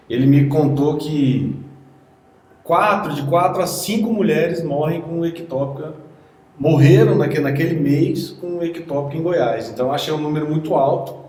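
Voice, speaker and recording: A man's voice: a little high, darkish tone. A man giving a worried personal account as an interview guest. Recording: echoey room, far from the mic.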